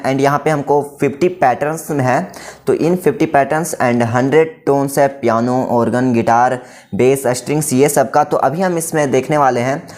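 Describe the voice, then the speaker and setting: A man's voice: medium pitch, a little mellow. A man giving a casual product demo, explaining each step and often checking in with the viewer. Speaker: music shop staff demonstrating a keyboard. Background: faint keyboard tones.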